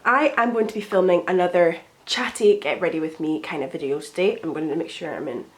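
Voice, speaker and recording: Doing her makeup at home for a get ready with me video, a young woman beauty vlogger chats in a rambling way, full of ums. She has a cold and sounds sniffly. Her voice is fairly low and brisk.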